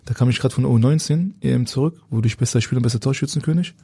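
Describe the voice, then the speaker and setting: A former footballer talking as a guest in a relaxed chat, with a mellow, somewhat husky voice. His talk is loose and colloquial, and he keeps searching for the right word. The sound is close and dry. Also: medium pitch, rapid-fire, no room sound. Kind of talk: casual anecdotal storytelling.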